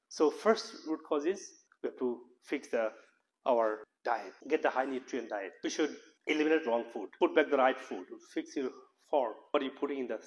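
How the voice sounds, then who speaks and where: A professor and health practitioner with a Bangladeshi accent delivers an informal health lecture. His voice is medium-pitched and somewhat dark, and he speaks earnestly in loose, repetitive English.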